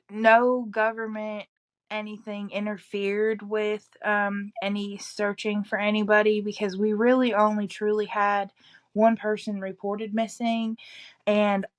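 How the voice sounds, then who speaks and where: A woman from East Tennessee speaks with that region's accent in a casual, conversational update. She sounds like a local passing along news, halting at times as she backtracks and adds qualifications. Her pitch sits in an average range for a woman. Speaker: local resident giving an update.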